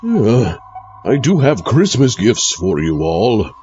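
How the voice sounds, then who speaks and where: Man playing a slow, groaning, swooping old Santa Claus. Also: lowish voice, huge pitch swings, a little mellow, breathy edge, highs cut off, faint music behind, exaggerated voice. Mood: grudging. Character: grumbling, put-upon old Santa Claus with an aching back. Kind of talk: comedic audio drama.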